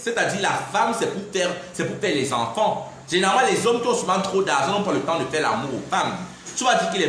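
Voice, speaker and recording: A man's voice: high voice, fairly bright tone. A man speaks in a defiant live-stream monologue, pressing his points again and again. His voice rings around a very echoey room over a faint background hiss. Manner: defiant, repeatedly saying "I'm sorry" and "in fact". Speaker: livestreamer.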